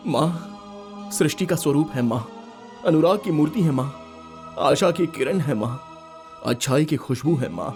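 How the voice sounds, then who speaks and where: An actor voicing a young aspiring film hero who declaims dramatically. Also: male voice, a little high, expressive, a little mellow, faint music behind. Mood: theatrical. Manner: theatrical slow declaiming.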